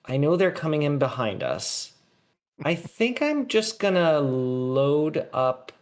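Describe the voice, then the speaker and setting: A man's voice: on the high side, big pitch swings, slow. A man playing a tabletop roleplaying game, casually thinking through his moves aloud.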